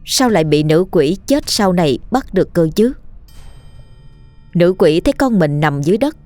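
A woman narrates a scripted ghost story with a steady, vivid delivery. Her voice sits low. The recording is dry and close, with soft music in the background. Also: moderate pace, no room sound. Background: faint background music.

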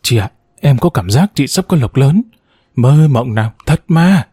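A man's voice: mid-range voice, animated, measured pace, dark tone, husky, dry recording, studio quality. A man voicing a coaxing young woman. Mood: excited. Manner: sweet, pleading, chatty. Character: coaxing, wheedling young woman, the adopted sister.

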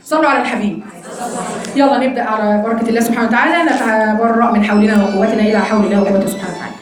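Fast-talking Egyptian woman teacher, echoey. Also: on the high side, steady tone, a crowd in the background. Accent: Egyptian Arabic. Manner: quick, teasing, quizzes students. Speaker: Quran study teacher. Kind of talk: interactive religious lesson.

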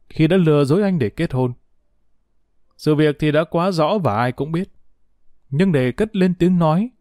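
A man calmly narrating a scripted family drama story. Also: medium pitch, no echo, clean studio sound.

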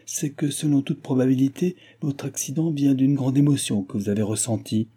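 A man's voice: mid-range voice, fairly even intonation, normal speed, mellow, slightly rough, voice pushed up, close to an everyday voice. A man voicing a scheming noble countess who speaks with false, honeyed politeness. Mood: probing.

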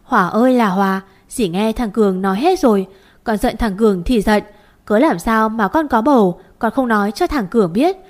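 A woman voicing a brash, quarrelsome middle-aged mother who wails and shouts. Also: fairly high pitch, normal speed, lightly acted. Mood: wailing. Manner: loud, wailing, coarse.

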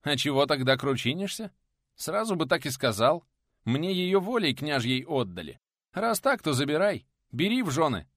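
A man's voice: a little high, sing-song, moderate pace, a bit bright, dry recording, studio quality, voice pushed up. Man voicing an elderly teacher, grumpy and stubborn, curt. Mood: earnest. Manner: curt, grumbling replies.

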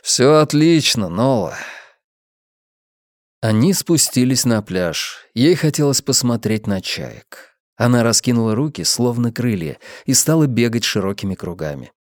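A man reading an audiobook in a measured, steady narration. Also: medium pitch, no room sound. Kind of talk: scripted narration. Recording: dry close studio sound.

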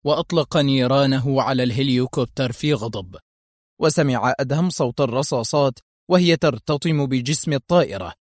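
A man narrating a dramatic action story in a measured, clear reading voice. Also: medium pitch, no echo, studio quality.

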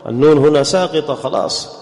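A man's voice: a little high, darkish tone. Man teaching grammar in a reverberant hall. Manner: quizzes students and drills example words slowly. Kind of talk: classroom lesson.

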